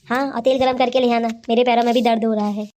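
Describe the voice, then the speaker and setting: A woman voicing a calm cartoon husband. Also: a little high, fast talker, lightly acted. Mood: placating. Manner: reasoning, placating. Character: young husband, calm peacemaker. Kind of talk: cartoon voice acting.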